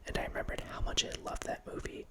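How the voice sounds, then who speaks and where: In a small home room, a man in his thirties who runs an ASMR channel whispers a rambling monologue right into a close studio microphone while wearing headphones. He talks at a quick pace and keeps correcting himself.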